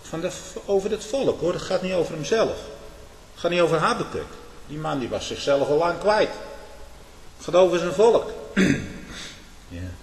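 A man preaching a fiery sermon, dropping to low mutters and then rising to shouts, often asking his listeners "hm?". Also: expressive, normal speed, pauses often. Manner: asks "hè?" and "hm?" to the listeners. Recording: echoey hall with long reverb.

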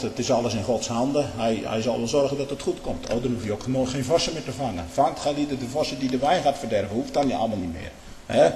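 A man preaching in an impassioned, emphatic way, jumping from loud outbursts to low, muttered asides. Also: slight background noise. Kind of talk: impassioned sermon-style monologue. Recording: echoey hall with long reverb.

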